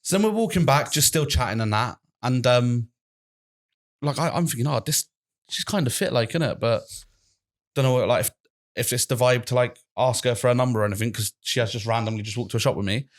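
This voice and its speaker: A man's voice: medium pitch, fairly quick. A young man, telling a rambling story in casual podcast chat, swearing and laughing along. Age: 20s. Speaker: podcast co-host.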